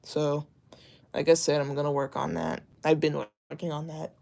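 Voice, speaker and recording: A streamer talking candidly and haltingly on a casual livestream, with many fillers and restarts. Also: mid-range voice, level tone, gravelly, darkish tone. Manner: earnest, candid.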